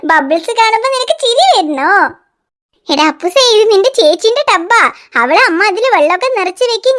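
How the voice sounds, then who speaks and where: A woman voicing a young cartoon mother who is patient with her baby and quick to scold the older child. She coaxes in a sing-song voice and turns sharp when she scolds. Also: extremely high pitch. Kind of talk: home-made cartoon voice acting.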